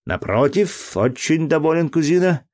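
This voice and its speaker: A man doing a high, shrill voice for a fussy learned entomologist, all prim indignation and pedantry. It swings up and down wildly and lectures like a storybook professor. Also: sing-song, normal speed, darkish tone. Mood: fussy, lecturing. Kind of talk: audiobook character voice.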